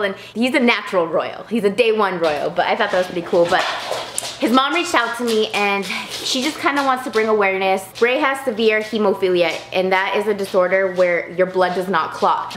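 A woman's voice: medium pitch, a little hiss or hum. A woman family vlogger from Arizona, talking casually and earnestly to her viewers. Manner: earnest, chatty, thanking viewers warmly. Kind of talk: casual talk to camera. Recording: roomy echo.

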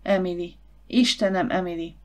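A woman voicing a gruff, passionate man in an audiobook, speaking in a low, hushed murmur. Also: steady tone, natural voice.

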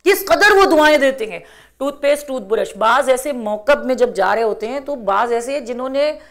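A woman's voice: high voice, animated. A middle-aged woman giving an earnest religious talk to a women's gathering, exhorting and repeating phrases for emphasis.

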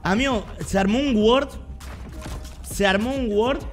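A young Argentine man streaming a game live, chatting in slang, repeating himself and breaking into sudden loud outbursts. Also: extremely high pitch, a little slow, music in the background. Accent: Argentine Spanish. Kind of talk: live gameplay streaming chat.

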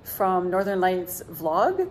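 A woman's voice: fairly low pitch, very animated, slow, darkish tone. A middle-aged woman hosting a vlog, asking questions in casual interview chat. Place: indoor council chamber. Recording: faint background noise.

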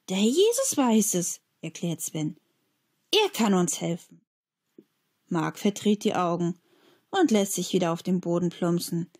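A woman reading a children's story aloud, calm and expressive. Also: fairly low pitch, breathy edge.

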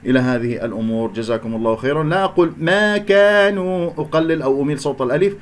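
A man teaching Quran recitation, explaining each letter and recitation rule and drawing out slow chanted examples, with an Iraqi accent. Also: medium pitch, fairly even intonation, darkish tone.

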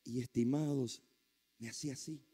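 A male pastor preaching a sermon through a lively story, with exclamations and sound effects. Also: mid-range voice, normal speed, husky.

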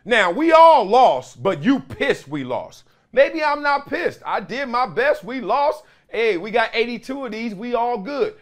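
A middle-aged man hosts sports commentary from a small studio in an extremely high, sing-song voice, speaking at a measured pace with hardly any pauses. He tells stories and acts out quotes while gesturing broadly.

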